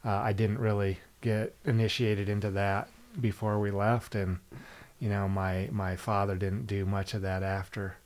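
Man from Minnesota, guest, fairly low voice, relaxed, pauses with fillers. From Minnesota, USA. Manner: easygoing, hesitant, with fillers. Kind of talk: casual conversation.

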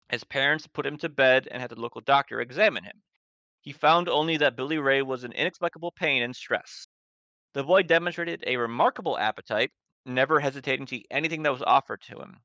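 A man's voice: medium pitch, a little fast, sharp tone, no echo. Brief: man as a no-nonsense male agent in a tabletop horror game, plain lo-fi audio. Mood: grave.

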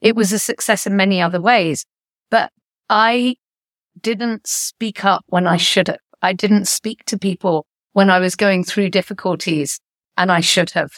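A middle-aged woman, a founder and author, talks through her experiences in a thoughtful interview voice. Her pitch sits in a middle range and the recording is dry and close-miked. She gets lively whenever she retells a story. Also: unhurried, no echo. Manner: reflective, animated when retelling stories. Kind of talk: conversational interview.

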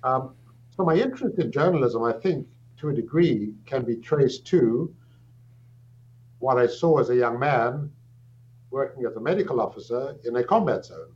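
Recounting his background in an interview answer, this guest, a middle-aged psychiatrist with a South African accent, speaks thoughtfully and deliberately, often pausing and starting over. His mid-range, darkish voice carries lively intonation, heard through dull, lo-fi audio with a faint hum underneath.

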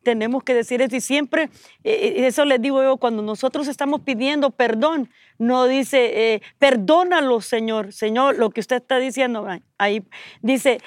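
A woman's voice: high voice, moderate pace, no room sound. A woman pastor in a conversational bible teaching, speaking in an affirming, prayerful way.

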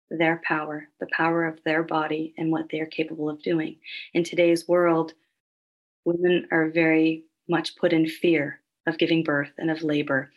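Low-pitched woman from nova scotia, calm earnest podcast guest. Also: poor audio. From Halifax, Nova Scotia, Canada. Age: adult with children. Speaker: hypnotherapist guest. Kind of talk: podcast interview.

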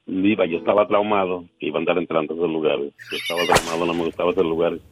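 Older man, very deep and husky, matter-of-fact, muffled phone caller. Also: fairly even intonation, very fast, faint music behind. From El Arenal, Jalisco, Mexico. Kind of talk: call-in radio chat.

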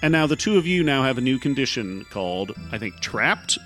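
A man's voice: mid-range voice, big pitch swings, a bit bright, soft background music. A man improvising narration as game master of a tabletop role-playing game, often searching for his words. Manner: halting, searching for words as he describes scenes.

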